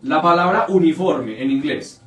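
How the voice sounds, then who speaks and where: A man's voice: fairly high pitch, animated, normal speed, far from the mic. A man teaching a live online English grammar class, repeating example words over and over as he explains. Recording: echoey room, off-mic, faint music.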